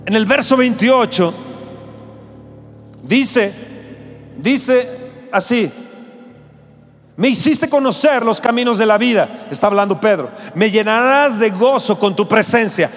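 A man preaching a fervent sermon in a church auditorium, often shouting, with a Mexican Spanish accent. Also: high-pitched, animated, measured pace, long pauses, big-room sound, faint music behind. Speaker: pastor.

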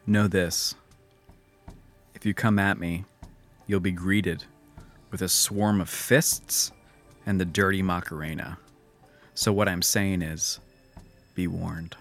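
A man co-hosting a comedy podcast, chatting casually and reading out his jokes in a deadpan way. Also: low voice, takes it slowly, pauses often, soft background music. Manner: joking, reads tweets in a deadpan whisper. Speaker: podcast co-host.

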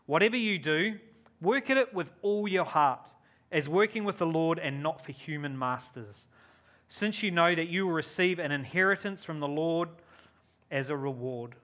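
The guest preacher is a man in his forties from New Zealand who sounds enthusiastic, upbeat and effusive during his sermon and prayer at a church service. His New Zealand-accented voice is on the high side and fairly bright, with lively intonation and a moderate pace.

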